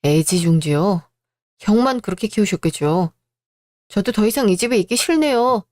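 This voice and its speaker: A hardworking younger son worn down by years of family favoritism, voiced by a woman. He speaks bluntly, with steady bitterness. It is a close, dry radio-drama read. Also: medium pitch, moderate pace, dry recording, close to an everyday voice. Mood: bitter.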